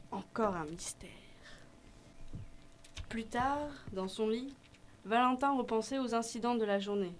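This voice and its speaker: Gentle woman reading a children's story. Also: medium pitch, a little hiss or hum.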